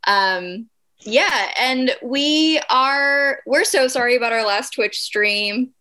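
A woman co-hosts a casual podcast with a bright, forceful tone. She is playful and jokey, and she laughs easily. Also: high voice, takes it slowly, clean tone. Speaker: podcast co-host. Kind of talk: casual chat.

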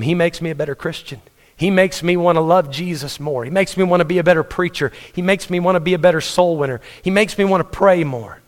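A man preaching a sermon, telling stories and putting questions to the congregation. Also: fairly high pitch. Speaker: pastor. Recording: reverberant church hall.

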